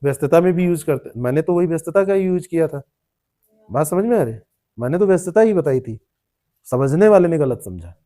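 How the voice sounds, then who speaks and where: A man's voice: fairly high pitch, expressive, a little fast, dark tone. A man teaching a classroom lecture, explaining word meanings, repeating terms and quizzing students by name. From India.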